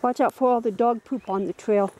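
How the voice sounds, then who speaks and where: A woman films as she walks a forest trail, answering her companion with short, easygoing replies. Her voice is slightly high yet mellow, with faint outdoor noise behind. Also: brisk. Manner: laughs easily, short agreeing replies. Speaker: vlogger filming the hike. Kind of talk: casual chat. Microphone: handheld camera.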